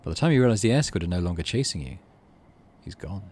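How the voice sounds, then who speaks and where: A gaming channel host in middle age reads game text with plenty of expression during a let's play, muttering casual side comments to himself. He talks fast in a low, darkish voice and sounds animated.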